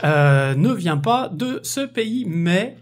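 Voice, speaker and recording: A man's voice: high-pitched, very animated, takes it slowly. A man hosting a casual podcast interview, chatty and jokey, full of fillers. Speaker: podcast host.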